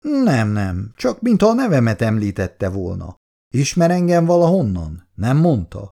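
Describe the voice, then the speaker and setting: Man doing a sly mocking gentleman. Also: mid-range voice, wildly swooping pitch, vocal fry, heavily acted. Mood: sly prying. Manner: mocking and inquisitive. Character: sly, prying gentleman customer.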